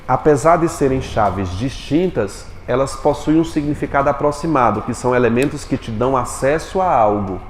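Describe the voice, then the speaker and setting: A male teacher giving a Portuguese lesson in a classroom, quizzing his students with quick questions. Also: medium pitch, roomy sound, long reverb tail, a little hiss or hum.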